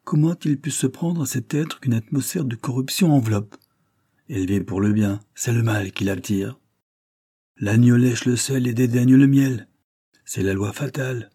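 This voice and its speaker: A man voicing a sardonic, worldly young gentleman in a read-aloud novel, with a dry, ironic, measured delivery. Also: lowish voice, husky, no echo.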